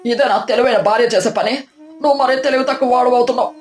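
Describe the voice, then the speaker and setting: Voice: medium pitch, fairly even intonation, fast, roomy sound, lightly acted. A voice actor playing a crooked village merchant who stammers and dodges. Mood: blustering. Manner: stammering, evasive.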